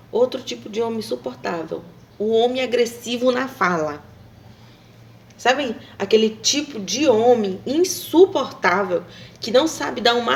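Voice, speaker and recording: A woman talks straight to camera in a loose, meandering monologue. She pauses often and fills the gaps with little tag questions. Her voice sits a bit high, with a gravelly edge. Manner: rambling, hesitant, full of fillers and tag questions. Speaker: vlogger.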